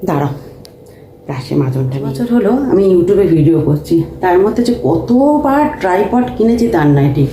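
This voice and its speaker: Home vlogger, woman, casual soft chat into a handheld phone, echoey room, background noise. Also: lowish voice, very animated, moderate pace. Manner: speaks softly at night so as not to wake family. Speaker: vlogger, mother of two daughters. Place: home, bedroom and kitchen.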